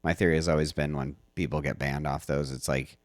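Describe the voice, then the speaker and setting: A man's voice: a bass voice, steady tone, fairly quick, dry recording, studio quality. A man hosting a casual chat, rambling with many hesitant restarts and playful teasing. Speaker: podcast host.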